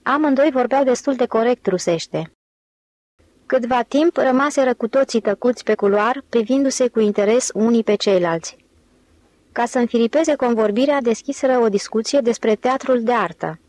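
A woman narrating an audiobook in a steady, clear storytelling manner. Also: fairly high pitch, no echo. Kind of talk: scripted narration.

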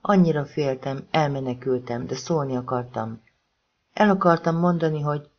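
A man reading a woman who fakes a thin, trembling voice, breathless and pleading, in a slightly dull audiobook recording. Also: sits low. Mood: fake panic.

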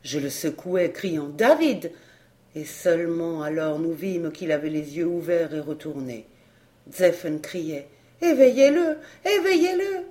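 A reader narrating a nineteenth-century novel in a measured, solemn way, as an audiobook. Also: medium pitch, fairly even intonation, dark tone.

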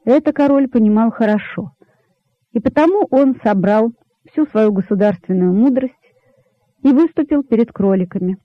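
A male audiobook narrator giving a measured, expressive storybook reading. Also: very high voice, no room sound. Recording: dull lo-fi dry recording.

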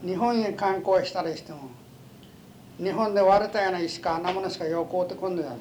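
An older stone collector with a western Japanese dialect reminisces in an oral history interview, folksy, opinionated and emphatic. His voice is high and a little mellow, with fairly even intonation, and he talks fast. The conversation was captured on a noisy amateur tape.

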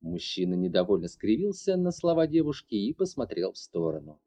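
A man narrating an audiobook in an expressive, dramatic reading. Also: fairly low pitch, fairly quick, no room sound.

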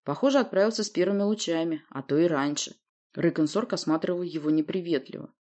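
A woman narrates a fantasy novel in a steady storytelling voice. Her pitch sits on the low side. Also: fast. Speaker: audiobook narrator. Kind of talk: scripted narration.

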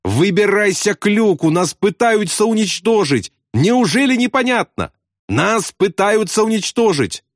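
A man voicing a terrified young bomber pilot who yells hysterically at his crew. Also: big pitch swings, measured pace, dry recording, clean studio sound. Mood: frantic. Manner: shrill hysterical yelling.

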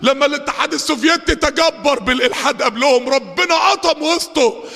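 A man with an Egyptian accent preaching a Friday sermon, fiery, moving between quick asides and drawn-out, shouted recitation. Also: extremely high pitch, gravelly. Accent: Egyptian Arabic. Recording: long hall reverb.

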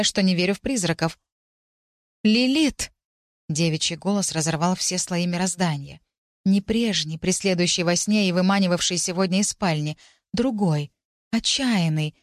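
A woman reads a fantasy novel aloud in the first person, steady and expressive. Her voice sits fairly low, and the recording is dry and close with no room echo. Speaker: audiobook narrator. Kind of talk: scripted first-person narration.

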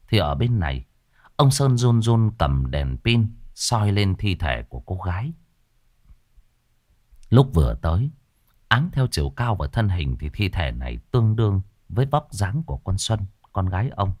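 A man reading a ghost story aloud in a dramatic, expressive style. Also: sits low, moderate pace, dry recording, studio quality. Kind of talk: scripted horror story narration. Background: faint background music.

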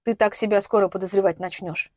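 A hesitant middle-aged man from an audiobook, gently calming his friend, read by a woman in her own voice. The sound is dry and close. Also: mid-range voice, fast, no room sound, lightly acted. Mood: uneasy. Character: unsure male friend, middle-aged businessman.

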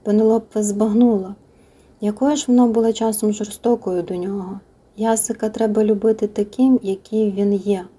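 A woman reads a novel aloud in a soft, intimate audiobook style. Her voice is very dark and mellow with a husky grain, and at times she drops to a near-whisper. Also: mid-range voice. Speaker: audiobook narrator. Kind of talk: scripted narration of a novel.

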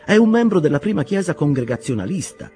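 Man doing an eager, animated young sailor. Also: on the high side, fast talker, soft background music, pitched above the performer's own voice. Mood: earnest.

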